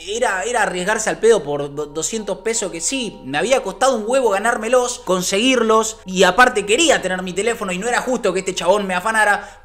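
A young man with a Rioplatense Argentine accent telling a comic anecdote, acting out voices and swinging from loud to hushed. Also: sits high. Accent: Rioplatense Spanish. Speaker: storyteller.

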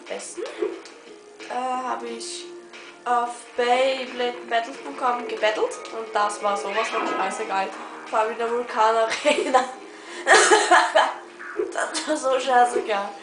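A young woman with an Austrian accent giving casual, informal gameplay commentary and swearing freely. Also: a little high. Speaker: let's play host. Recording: roomy echo, game music behind. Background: video game music.

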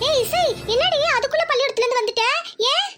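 Lady doing a young village bride for a cartoon, pleading, high bright voice. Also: animated, fast talker, faint music behind, full character voice. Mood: kind. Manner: tearful, pleading. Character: young village bride, gentle then tearful. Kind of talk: cartoon voice acting.

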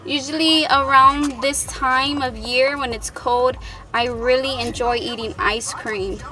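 A woman's voice: sits high, steady tone, measured pace, bright, forceful tone, slight background noise. A young adult woman chatting casually to camera as a family vlogger, recorded on a phone held at arm's length. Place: home living room, later inside a car at night.

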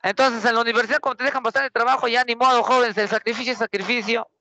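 A man's voice: very high voice, quick pace, no room sound. A young adult male teacher with a Peruvian accent, telling a story to his class in a chatty way and often turning to quiz his students. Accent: Peruvian Spanish. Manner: lively, chatty, keeps quizzing students with rhetorical questions.

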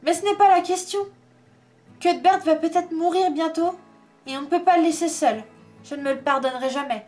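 A woman's voice: extremely high pitch, moderate pace, darkish tone, voice pushed up. A woman voicing a caring female emu-giraffe creature who speaks earnestly and insistently. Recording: faint background music.

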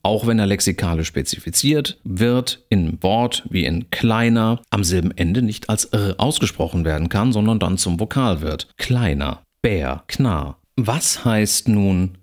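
Low-voiced man lecturing slowly. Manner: explains step by step, reads out example words slowly. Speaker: university lecturer. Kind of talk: recorded lecture on phonology. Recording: lecture recording.

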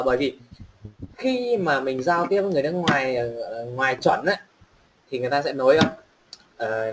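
A man from Vietnam teaching an online pronunciation lesson, chatting casually and slowly repeating phrases for students to copy. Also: medium pitch, a little hiss or hum, poor audio. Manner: casual, chatty explaining with fillers. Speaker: English teacher.

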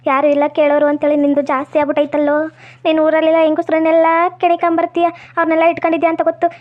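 A woman's voice: sits high, monotone, racing, close to an everyday voice. A woman playing a feisty young village woman. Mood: furious. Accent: North Karnataka Kannada. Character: young unmarried village woman, spirited and defiant. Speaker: actor in a village skit. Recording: dull lo-fi audio.

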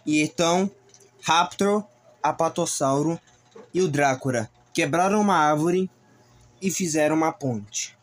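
A man's voice: on the high side, a little slow. A man narrating a homemade toy-dinosaur movie in simple storytelling style. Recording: loud music underneath.

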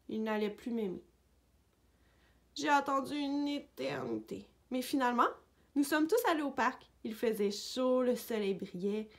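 A woman reading a picture book aloud for young children, narrating gently in a dog's voice of first person. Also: on the high side. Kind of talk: read-aloud storybook narration.

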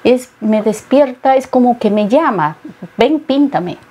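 A middle-aged woman from Peru talks slowly about her painting as an interview guest. Her voice is mellow and warm, and she pauses often with thoughtful fillers. She sounds close on a lapel mic in a studio set. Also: a little high, animated, breathy edge. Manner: thoughtful, many hesitations. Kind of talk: interview conversation.

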